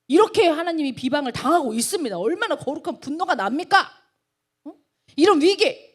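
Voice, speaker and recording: High, animated woman preaching a sermon. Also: fairly quick. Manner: emphatic, with constant rhetorical questions to the audience; lively, emphatic preaching with sudden rises. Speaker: pastor of a college ministry.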